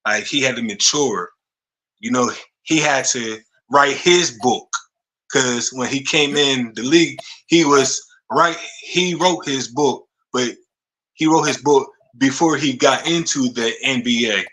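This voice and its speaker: Podcast host, man, 30s; slow, halting casual talker who repeats himself; bright, forceful tone. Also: medium pitch, low-quality recording. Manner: halting, repeats words, frequent "you know what I'm saying". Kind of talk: casual interview chat.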